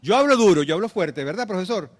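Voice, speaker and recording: A man voicing a defensive female schoolteacher who insists she is not violent, only speaks loudly. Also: high-pitched, fast talker, pitched above the performer's own voice, lightly acted. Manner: insistent, protesting.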